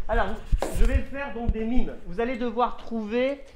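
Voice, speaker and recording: A man teaching young children in a classroom, speaking slowly and patiently through a face mask and sounding out letters. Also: extremely high pitch, background noise. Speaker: primary school teacher. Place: school classroom. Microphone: handheld mic held by a pupil.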